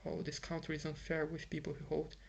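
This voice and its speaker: Speaking English with a Brazilian accent, a young man whose mother tongue is Portuguese delivers a casual vlog monologue at home in Ireland. His fairly high voice is monotone, a little fast, creaky and slightly rough, and his frustrated talk wanders with fillers and false starts.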